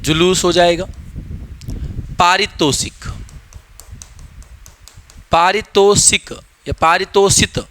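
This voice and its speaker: A man teaching an exam-prep grammar lesson, explaining answers step by step with lively emphasis. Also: high voice, slow pace, pauses often. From India.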